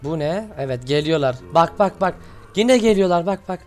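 A man hosting his channel, giving excited reaction commentary and shouting at the screen in casual slang. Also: a little high, normal speed. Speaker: channel host reacting to an animation.

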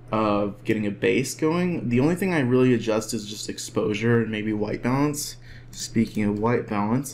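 Relaxed chatty man teaching photo editing. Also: on the low side, a little hiss or hum. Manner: relaxed, chatty, jokes to himself while working. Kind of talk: casual screen-recorded tutorial.

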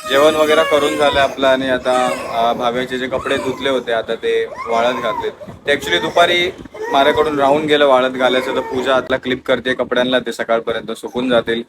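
A young man narrates his family vlog in a relaxed, chatty way, speaking to viewers as friends. His voice sits at an ordinary middle pitch on a small clip-on mic. The home recording carries clear background noise. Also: brisk. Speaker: vlogger. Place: home, indoors with ceiling fan. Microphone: small clip-on mic, also phone.

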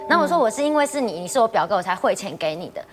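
A woman guest on a talk show, telling a story in an animated, exclaiming way. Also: medium pitch, racing, soft background music.

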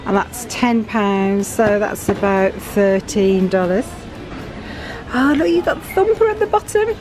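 A middle-aged British woman vlogging from a big store, chatting excitedly about items and their prices. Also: medium pitch, a little slow. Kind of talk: shopping vlog walkthrough. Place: large busy store indoors. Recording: store music and crowd noise behind.

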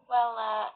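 A young woman in her late teens gushing excitedly as a cosplayer in casual fan chat. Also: a little high. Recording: tinny phone-like audio, faint hiss.

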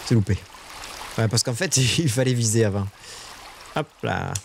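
Excitable French-speaking man streaming a game. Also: moderate pace, gravelly, background noise. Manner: excitable, swears, shrieks high when startled. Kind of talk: live gameplay commentary.

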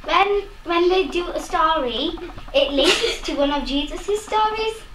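A woman's voice: extremely high pitch, animated, a little slow, recorded from a distance, background noise. A young schoolgirl answering interview questions in a giggly, playful way. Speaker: pupil. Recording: echoey school room.

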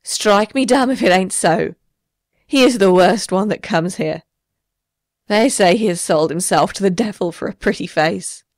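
A haggard, bitter woman of the streets, as a male reader puts her on, her voice pushed far up in pitch and loud. She sneers and whines in a dry, close sound. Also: normal speed, dry recording, natural voice. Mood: bitter pleading. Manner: hissing, sneering, whining.

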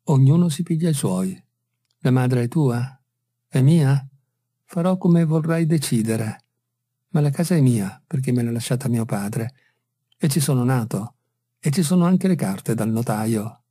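A man's voice: medium pitch, animated, unhurried, mellow, husky. A man reading as a weary, plain-spoken returning fisherman. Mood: stubborn. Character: weary fisherman husband back from sea.

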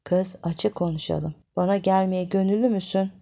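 A jealous young village man scolds and demands in a gruff, rough manner, voiced by a woman reader. His lines come out gravelly and dark, pushed a little louder than the surrounding narration. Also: on the low side, steady tone, normal speed. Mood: demanding.

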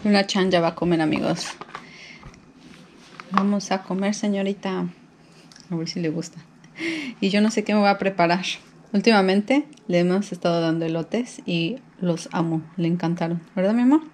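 A woman's voice: mid-range voice, fairly even intonation, normal speed, darkish tone. A young woman from Mexico with a Mexican accent, talking casually to her viewers in a home vlog and keeping them in on her chores. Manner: chatty, keeps calling viewers "friends". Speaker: vlogger and mother. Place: home, indoors.

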